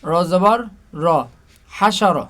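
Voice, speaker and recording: Male Quran teacher, fairly high voice, slow patient letter-by-letter drilling. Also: fairly bright tone. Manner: slow, patient drilling, asking and answering his own questions. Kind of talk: spelling Arabic letters aloud with vowel marks.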